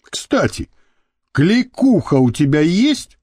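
A man voicing a gruff older male prison boss who speaks slowly and lectures. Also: fairly high pitch, big pitch swings, darkish tone, no room sound, clean studio sound, full character voice. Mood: decisive. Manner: slow, weighty, lecturing.

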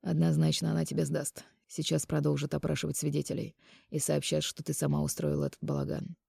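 A woman voicing a cold, scornful young man in an audiobook, speaking low, muted and dismissive. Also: monotone, fairly quick, vocal fry, dark tone, husky, dry recording, studio quality, heavily acted. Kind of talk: audiobook character reading.

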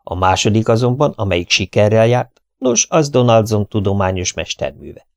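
A man narrating an audiobook in the first person, with a steady inner monologue full of questions. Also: fairly low pitch, gravelly, dry recording, studio quality.

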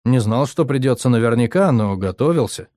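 A man's voice: medium pitch, lively intonation, fairly quick, dark tone, no echo, studio quality, close to an everyday voice. A male narrator voicing a guilty young man who mumbles his answers.

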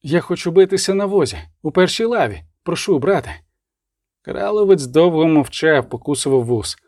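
A man's voice: fairly high pitch, animated, normal speed, a little mellow, no echo, clean studio sound. A man narrating an audiobook with expression, giving the characters' lines rising intensity. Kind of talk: dramatic audiobook reading.

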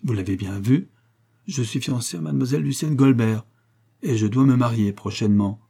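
A man's voice: medium pitch, brisk, gravelly, warm tone, slightly rough. A man voicing a dignified young son who speaks formally and firmly. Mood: polite, firm. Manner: formal, firm, polite.

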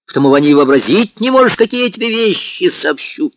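A man's voice: high-pitched, expressive, fast, dry recording, voice pushed up. A man doing an insistent, hearty friend. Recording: dull, lo-fi sound.

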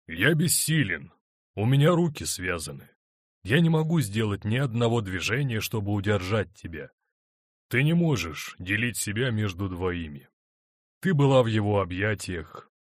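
A man's voice: on the low side, sing-song, normal speed, no echo. Man as a hurt husband, wry and stern, controlled, dry close sound.

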